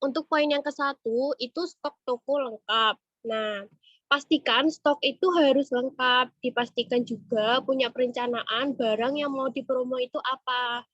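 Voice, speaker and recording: Unhurried and steady, a woman with a high, fairly bright voice leads a conversational online training for retail staff while coping with a cold and cough. She frequently checks in with her audience. There's no echo, but the audio is dull and muffled.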